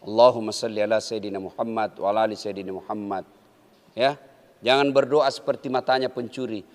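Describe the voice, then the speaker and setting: A man preaching a sermon in an animated way, swinging between loud emphatic lines and soft, drawn-out chanting. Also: fairly low pitch. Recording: echoey hall with long reverb.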